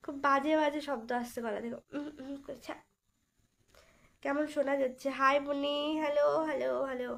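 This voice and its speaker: Chatty high-voiced woman live streamer. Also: steady tone, a little fast, creaky, a bit bright. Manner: chatty, teasing, greets viewers by name. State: sore throat, voice changed by illness. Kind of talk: casual live-stream chat greeting viewers.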